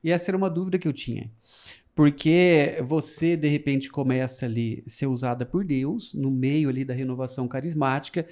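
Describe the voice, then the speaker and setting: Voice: medium pitch, a little mellow. A podcast interviewer, asking questions in a hesitant way and restarting them. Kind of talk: conversational interview.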